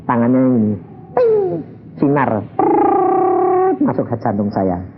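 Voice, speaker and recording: A man's voice: mid-range voice, slow, loud music behind the voice. Guy preaching, tells stories with sound effects, voice jumps all over, kinda muffled recording. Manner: animated, acts out dialogue with vocal sound effects. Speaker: evangelist preacher. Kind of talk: sermon with storytelling. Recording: slightly muffled, faint background noise.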